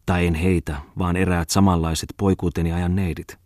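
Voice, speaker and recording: A man's voice: sits low, flat delivery, a little mellow, no echo, clean studio sound, lightly acted. A male audiobook reader voicing a pompous young poet who declaims satirical rhymed verse. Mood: confiding.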